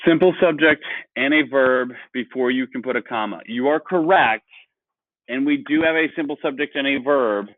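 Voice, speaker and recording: A man's voice: mid-range voice, moderate pace, no echo. A male teacher leading an online grammar lesson, explaining patiently and asking the class questions. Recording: dry, phone-like sound.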